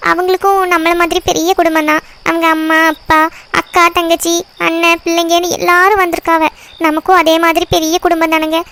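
A woman voicing a young wife in a cartoon who pleads softly and earnestly with her husband. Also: very high-pitched, level tone, a little fast. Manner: soft, pleading. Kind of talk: cartoon voice acting.

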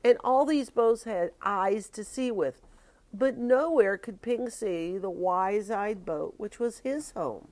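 An older woman, a grandmother, reading a picture book aloud with expressive, drawn-out storytelling. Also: medium pitch.

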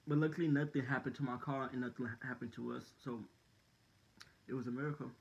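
Young male vlogger, loose slangy storyteller, mid pitch, dull lo-fi recording. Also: fairly even intonation, quick pace, gravelly. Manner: rambling, many "like" and "dude" fillers, slangy. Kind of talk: casual storytelling to camera.

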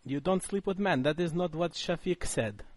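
A man's voice: on the high side, no echo, natural voice. A man doing a bumbling fake-Russian newcomer. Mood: faux naive. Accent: put-on Russian accent. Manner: broken English, halting, feigned confusion. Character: bumbling Russian man newly arrived, feigning naive broken English. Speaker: prank caller. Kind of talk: prank phone call.

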